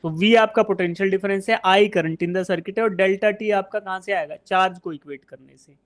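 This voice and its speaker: This is a man from India with a fairly high voice, teaching physics in a live online class. He lays out the idea one step at a time, fires questions at the students and answers them himself, and keeps calling them "beta". His technical come out. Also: normal speed. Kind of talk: live online exam-prep lecture.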